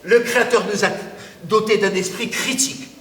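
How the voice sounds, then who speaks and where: Man playing high-voiced, stubborn scholar Galileo. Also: fairly even intonation, normal speed, sharp tone. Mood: exasperated. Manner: argumentative, declamatory, impatient. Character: Galileo, stubborn, exasperated scholar losing his sight. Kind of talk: theatrical stage acting. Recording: echoey theatre hall from far off.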